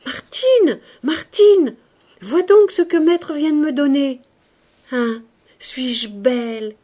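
Woman voicing a gushing, high-voiced young girl. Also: a little slow, dark tone. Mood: delighted.

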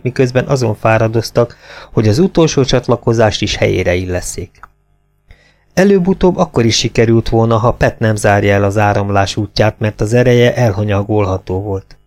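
A man reading an audiobook in a steady, measured narration. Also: mid-range voice, creaky.

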